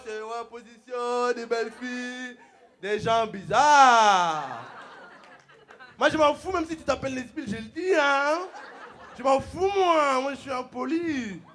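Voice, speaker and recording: A man from the Congo doing loud, joking stand-up comedy on a TV stage, laughing through his lines. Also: very high-pitched, unhurried, some chatter behind, slight background noise. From Democratic Republic of the Congo. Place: TV studio stage with a live audience.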